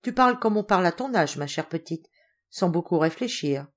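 A woman voicing a gentle, saddened widowed noblewoman who speaks tenderly to her daughter. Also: lowish voice, expressive, brisk. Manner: soft, tender, resigned.

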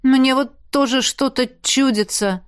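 A woman voicing a bony, freckled red-haired young man who talks with excitable energy, in an audiobook. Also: high-pitched, measured pace, clean tone, voice pushed up. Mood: excited. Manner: hesitant, then excitable. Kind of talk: audiobook character voice.

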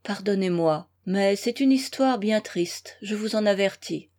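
A woman voicing a brooding young husband who speaks in a grave, restrained way with bitter irony, in a slowly read novel. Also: mid-range voice, a little mellow, lightly acted.

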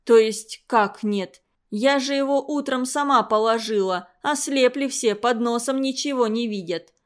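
A woman's voice: a little high, close to an everyday voice. A woman voicing a menacing old warden. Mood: grumbling. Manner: slow, menacing, hoarse. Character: furious old woman boarding-house warden.

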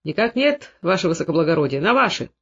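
A man voicing a surly young Cossack soldier who drags out his words with menacing calm. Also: fairly high pitch, creaky, breathy edge, highs cut off, pitched below the performer's own voice, full character voice. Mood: cheeky. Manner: slow, menacing drawl.

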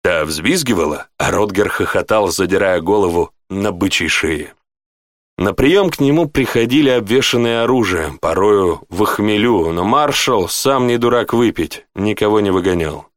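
Lively low-voiced male audiobook narrator. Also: moderate pace, no echo, clean studio sound. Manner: shifts pitch up for dialogue characters.

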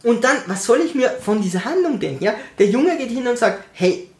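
A book reviewer in a casual rant, mocking the characters with sarcastic asides and quick put-on voices. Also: medium pitch, lively intonation, reverberant.

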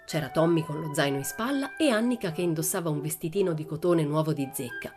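Expressive woman reading a children's story. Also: sits low, quick pace, over music. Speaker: narrator. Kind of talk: audiobook reading of a children's novel.

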